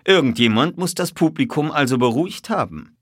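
A man voicing a calm, unshakably composed male detective in a raised voice. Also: on the high side, fairly quick, no room sound, studio quality, voice pushed up.

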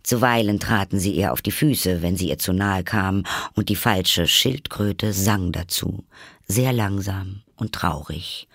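A man narrating a storybook as an audiobook reader in a calm, measured way. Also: low voice, vocal fry, no room sound, studio quality.

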